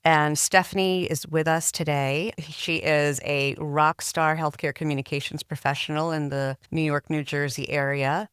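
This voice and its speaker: A middle-aged woman hosting a podcast, speaking earnestly and sometimes halting on repeated words. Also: low voice, steady tone, fairly bright tone, smooth, no room sound, clean studio sound. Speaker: podcast host. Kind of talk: interview.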